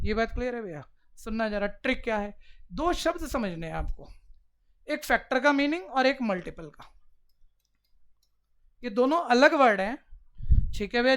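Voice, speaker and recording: A man teaching maths to a class, coaxing the pupils along with quick direct questions. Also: very high voice, a bit bright. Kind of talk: classroom lecture.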